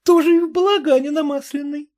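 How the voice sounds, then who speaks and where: A man's voice: extremely high pitch, normal speed, a little mellow, voice pushed up. A man reading aloud, voicing a cheerful, talkative peasant wet-nurse with a folksy manner. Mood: chatty. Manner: chatty, giggly, folksy.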